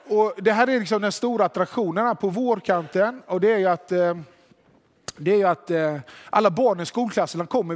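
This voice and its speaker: A man preaching a sermon, telling a joke story with lively delivery and slowing down for emphasis. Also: high-pitched. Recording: long hall reverb.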